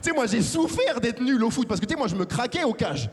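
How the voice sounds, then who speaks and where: High-voiced young man doing stand-up. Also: fast talker. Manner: animated, acts out characters. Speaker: stand-up comedian. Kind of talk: stand-up comedy set. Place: large theater stage with audience. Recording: live hall reverb.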